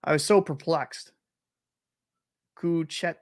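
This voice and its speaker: A man's voice: a little high, expressive, moderate pace, a bit bright. A young man hosting a live hockey watch-party stream, chatting casually, joking and answering viewers. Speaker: livestream host.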